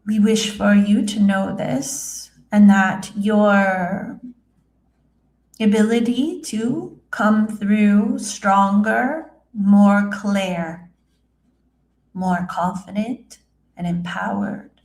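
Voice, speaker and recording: A serene female spirit guide voiced by a woman in trance speaks in the manner of a seance medium. The delivery is extremely slow and halting, with measured phrases and small hums, in a roomy, echoing space. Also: mid-range voice, steady tone, darkish tone. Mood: serene, solemn. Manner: halting, solemn, measured, with hums and long pauses. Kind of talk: trance channeling, addressing listeners as a spirit.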